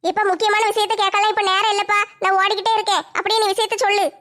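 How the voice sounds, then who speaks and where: A woman acting in a comedy skit, scolding and shouting complaints. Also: very high voice, flat delivery, rapid-fire.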